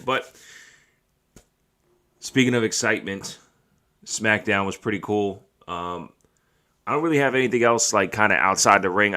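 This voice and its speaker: A man's voice: low-pitched, pushed and bright. A man hosting a podcast on a live stream, chatting casually in a rambling, profane and emotional way. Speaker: podcast host.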